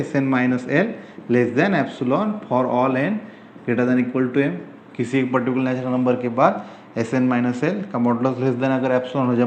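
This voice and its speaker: Indian male math teacher, questioning and repetitive, slow dictation, echoey room. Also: mid-range voice, a little mellow, muffled recording. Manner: repetitive, asks the class questions, slow dictation of English terms. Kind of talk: whiteboard math lecture. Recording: echoey room, faint ambient noise.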